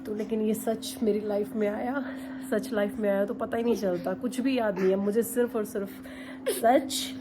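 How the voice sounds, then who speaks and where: A young woman filming a casual family vlog at home, chatting to the camera and switching to a high sing-song voice when she talks to her baby. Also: steady tone, moderate pace, over music. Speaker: vlogger mother. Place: home indoors.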